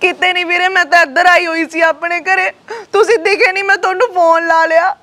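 A woman's voice: very high-pitched, fairly quick, fairly bright tone. A woman with a Punjabi accent playing a tearful married sister who wails and quarrels with her sister-in-law. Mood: weeping plea. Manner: wailing, quarrelsome. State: crying. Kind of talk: Punjabi web-series acting.

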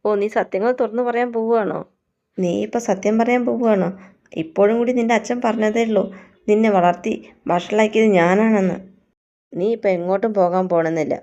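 A woman's voice: mid-range voice, fairly even intonation, a little fast, warm tone, dull audio, natural voice. A woman reading the lines of a harsh, bossy mother who scolds her daughter. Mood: scolding.

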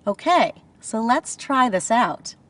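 A woman in her thirties presenting scripted instructions, clearly enunciated and explanatory. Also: fairly high pitch, sing-song, slow, fairly bright tone. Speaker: presenter of car instructional video.

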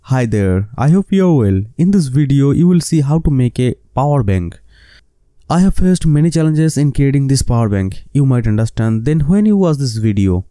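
Bengali-accented man with a dark, mellow voice. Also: medium pitch, dry recording. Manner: non-fluent English with unusual grammar. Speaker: host of a DIY electronics channel. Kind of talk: scripted how-to narration.

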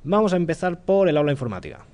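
A man with a Spanish accent from Spain giving a relaxed, joking live-coding talk in a lecture room, thinking aloud as he goes. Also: a little high, fast. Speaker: conference speaker.

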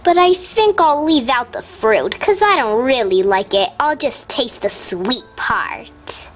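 A woman's voice: expressive, a little hiss or hum. A woman doing childlike voices for toddler dolls in a doll role-play video. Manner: high childlike voice, slow and sing-song. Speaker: doll play narrator voicing toddler characters.

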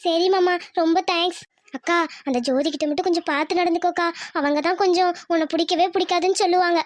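A woman voicing a caring little village schoolgirl in a cartoon, with high, sweet childlike chatter. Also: fairly even intonation, fast, dry recording. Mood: earnest. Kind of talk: cartoon voice acting.

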